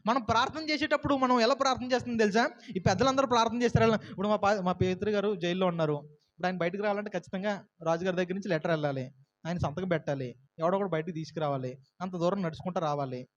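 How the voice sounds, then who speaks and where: A male pastor preaching a sermon and then leading a closing prayer. He retells a story in an animated way and then prays in a soft, earnest tone. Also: high voice, rapid-fire, dull audio.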